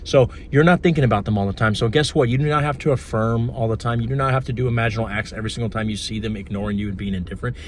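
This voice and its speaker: A man's voice: mid-range voice, rapid-fire, few pauses, slight background noise. Blunt, profane man coaching. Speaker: manifestation coach. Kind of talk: casual advice vlog.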